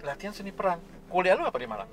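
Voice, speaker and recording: A man's voice: sits high, big pitch swings, very fast, a bit bright, faint music behind. Curious male interview host. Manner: brief encouraging back-channels, curious questions. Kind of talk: casual interview chat.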